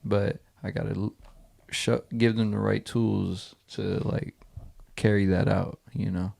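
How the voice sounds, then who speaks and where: A man's voice: on the low side, little pitch movement, measured pace, creaky, a little mellow. A man in his late twenties co-hosting a podcast, talking in a reflective, rambling way with many restarts. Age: 20s. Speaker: podcast co-host. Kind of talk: casual chat.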